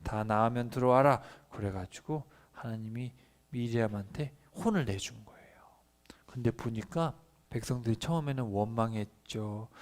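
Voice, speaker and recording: A man pastor telling a Bible story to children, asking them questions along the way. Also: mid-range voice. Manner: lively, asks children questions.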